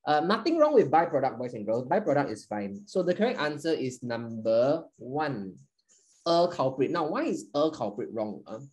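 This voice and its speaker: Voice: mid-range voice, big pitch swings, normal speed, a little mellow, low-quality recording. A teacher runs a live online class in a playful, joking way and counts down to each answer.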